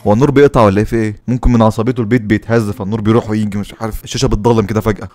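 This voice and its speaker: Egyptian guy doing sarcastic reaction commentary, talks super fast, over-the-top teasing. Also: fairly low pitch, steady tone, a little mellow, soft background music. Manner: mock-soothing, teasing, exaggerated. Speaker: reaction video host.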